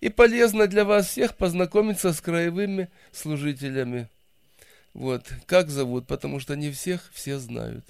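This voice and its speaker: A man's voice: a little high, normal speed, gravelly, clean tone, no room sound. A man in his fifties, a presbyter leading a church meeting, addressing the congregation in a folksy, lightly joking way. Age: 50s. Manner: folksy, gently joking leader.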